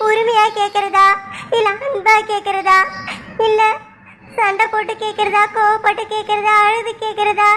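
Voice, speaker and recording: A woman's voice: very high voice, monotone, measured pace, noisy background. A woman voicing an earnest young village daughter in a cartoon, who pleads in long, heartfelt appeals. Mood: pleading. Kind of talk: cartoon voice acting.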